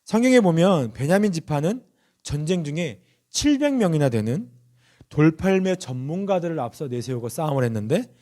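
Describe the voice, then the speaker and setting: A male pastor giving a Sunday sermon, speaking earnestly, telling stories and asking the congregation questions. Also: moderate pace. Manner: lively rising and falling pitch.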